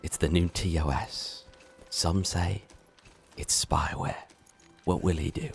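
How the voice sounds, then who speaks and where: A man's voice: sits low, fairly even intonation, takes it slowly, vocal fry, faint music behind, full character voice. A man playing a solemn nature documentary narrator in a vague put-on accent.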